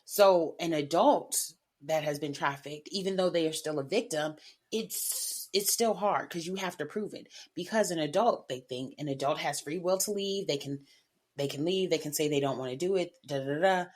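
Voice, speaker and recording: Podcast co-host, woman, lowish voice, casual and animated with frequent laughs. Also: moderate pace. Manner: animated, chatty, laughs often. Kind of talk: casual chat.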